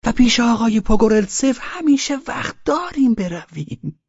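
A man's voice: sing-song, breathy edge, no room sound, muffled recording, exaggerated voice. A man voicing a drunk, fawning, frightened middle-aged man who whines and pleads. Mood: pleading. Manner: shrill, whining, pleading.

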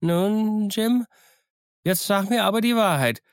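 A man voicing a childlike, excitable old castaway sailor who has gone half mad alone, in an eager, wheedling, sing-song way. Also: high-pitched, slow pace, clean tone, no room sound, clean studio sound, voice pushed up. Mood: excited. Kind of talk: audiobook character voice.

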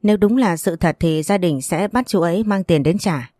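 A woman's voice: lowish voice, normal speed, mellow, dry recording, close to an everyday voice. A woman voicing a firm, reproachful older man who is the family elder in a read-aloud story.

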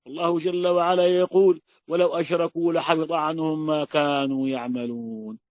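Male teacher, high register, emphatic lecture delivery, dull lo-fi sound. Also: fairly even intonation, brisk, no room sound. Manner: emphatic, piles up scripture quotations. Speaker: religious teacher. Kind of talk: explaining a classical text.

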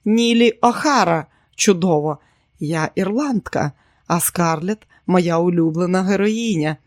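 In this storybook reading, an impulsive, excitable young woman gushes and pleads in a raised, breathless voice, as a male narrator puts her on. She sounds high-strung and eager. Her lines come across dry and close, with no room sound at all. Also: normal speed, no echo, close to an everyday voice.

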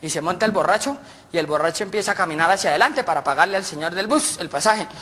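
A man telling jokes on a radio comedy segment, in a lively, chatty storytelling manner. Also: sits high, fast talker. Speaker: joke teller.

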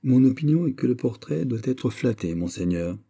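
A man's voice: mid-range voice, sing-song, normal speed, gravelly, dark tone, husky, pitched above the performer's own voice, exaggerated voice. A man reading as a frank, respectful young count. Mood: measured. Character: earnest young male count, frank courtier. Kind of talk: audiobook character reading.

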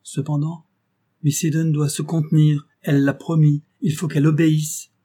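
A male audiobook narrator with a dark, mellow voice. He reads in a measured, expressive way, and his tone has a husky edge. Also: on the high side. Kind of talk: scripted narration.

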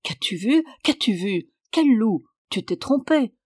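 A woman reading aloud voices a gentle peasant man of about fifty, coaxing and reassuring a frightened child. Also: on the high side, expressive, measured pace, no room sound, clean studio sound. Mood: worried. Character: gentle fifty-year-old peasant man, tender and soothing.

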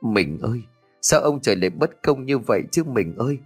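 A man's voice: mid-range voice, animated, a little fast, breathy edge, soft background music. A man voicing a grieving young peasant husband and father who laments in a choked, sobbing way. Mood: grief-stricken.

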